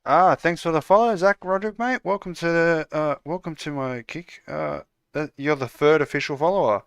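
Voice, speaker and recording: An Australian man chatting casually with viewers while building his game on a livestream, relaxed and full of "uh" fillers. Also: on the high side, normal speed, gravelly, clear, resonant tone, no room sound, clean studio sound. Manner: relaxed, lots of "uh" fillers, calls viewers "mate".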